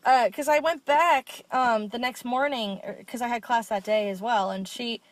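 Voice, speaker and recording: A woman's voice: on the high side, normal speed, no room sound. A young woman co-hosting a podcast, telling stories candidly and swearing freely in casual chat. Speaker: podcast co-host.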